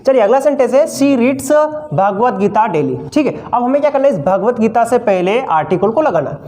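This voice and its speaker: Guy teacher doing a grammar lesson for exam prep, asks questions then answers them himself, soft warm tone. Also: very high voice, expressive, moderate pace. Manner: calls the students "son" fondly.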